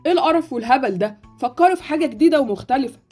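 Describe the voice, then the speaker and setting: A woman's voice: sits high, animated, rapid-fire, a little mellow, faint music behind. A woman voicing a bossy, scheming young brother in a Roblox series, with an Egyptian accent. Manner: mocking, bossy.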